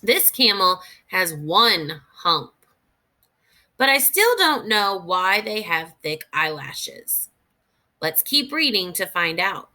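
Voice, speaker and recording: A woman teacher with a fairly low-pitched voice reads a children's nonfiction book with deliberate expression. She pauses along the way to think aloud for young learners.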